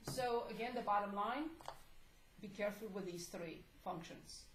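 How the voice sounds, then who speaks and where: A woman teaching a math class, hoarse and coughing, asking the class questions at a slow pace. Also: medium pitch. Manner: slow, deliberate, prompting questions. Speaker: math instructor. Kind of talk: classroom lecture. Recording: echoey classroom, faint noise.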